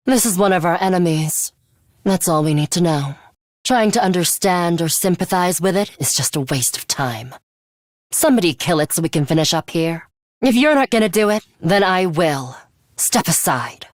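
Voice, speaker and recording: A woman with a lowish voice plays a cold, ruthless young female fighter in an English video game, composed, blunt, and commanding, with a bloodthirsty streak. The recording is dry, with clean studio sound.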